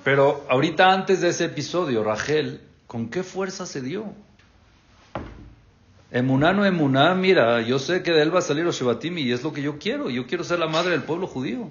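Male rabbi, slightly high voice, quizzes the class, muffled lo-fi take. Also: expressive, normal speed. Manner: questions the class and acts out the figures' words. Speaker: rabbi teaching a Torah class. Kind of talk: interactive religious lesson. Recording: dull lo-fi recording.

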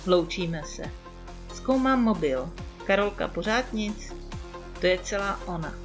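A woman reading a first-person story aloud with a wry, gently ironic manner. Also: medium pitch, animated, soft background music. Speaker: narrator. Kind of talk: first-person audiobook narration.

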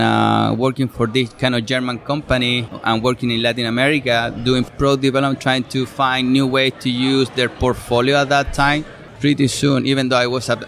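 His voice is medium-pitched, creaky and a bit bright: a middle-aged Chilean fruit specialist with a Chilean Spanish accent. Interviewed at an outdoor farm show, he describes his work in relaxed answers, with plenty of fillers and restarts.

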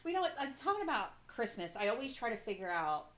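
A woman with a very lively, swinging pitch talks like a valley girl. She banters casually as a podcast co-host, swearing freely and peppering her talk with "like" and stretched-out exclamations. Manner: valley girl speech, drawn-out exclamations, lots of "like".

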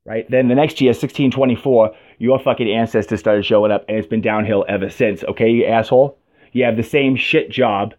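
A man's voice: mid-range voice, steady tone, brisk, darkish tone. A man ranting through a profane, sarcastic comic monologue as a podcast host. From New York. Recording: dull lo-fi audio.

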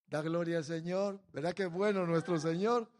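Un hombre predicando un sermón, exhortando a la congregación y pasando de tono bajo a fuerte énfasis. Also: male voice, on the high side, normal speed. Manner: exhorting, addressing the congregation directly; swings from quiet to loud emphasis. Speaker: preacher. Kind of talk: sermon.

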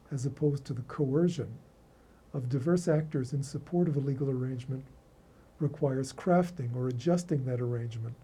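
A man with a very dark, mellow and husky voice gives a scripted formal lecture. He sounds like an erudite professor, choosing words in a measured, learned way. His pitch sits in a middle male range. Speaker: academic lecturer in law.

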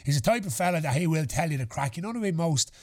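A man's voice: a little high, animated, quick pace. A thirty-year-old man with an Irish accent, chatting casually as a podcast host with slangy, sweary storytelling. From Ireland. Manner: sweary, slangy anecdote telling. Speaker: podcast host answering listener questions. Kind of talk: casual chat.

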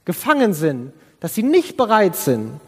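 A man's voice: high voice, huge pitch swings, a little slow, breathy edge, in a large hall. A man preaching an earnest sermon, thinking aloud with restarts and acting out quoted pleas in a raised voice.

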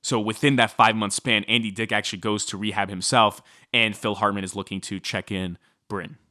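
A man's voice: on the low side, fairly quick, dry recording, clean studio sound. A man casually recounting a true-crime story as podcast co-host, chatty with many fillers. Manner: chatty, filler-heavy, animated when quoting.

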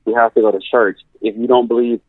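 A California man, a therapist, is the guest in a conversational interview, speaking earnestly and with emphasis while repeating his key phrases. His voice is medium-pitched with fairly even intonation, and he talks fast. There's no room sound, but the audio has a tinny phone-line quality.

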